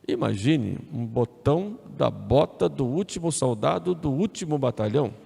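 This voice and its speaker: A priest preaches a conversational homily in church, leaning on repeated phrases and tag questions. His medium-pitched voice is gravelly, warm, and slightly breathy, with lively intonation and a moderate pace. The recording carries long church reverb.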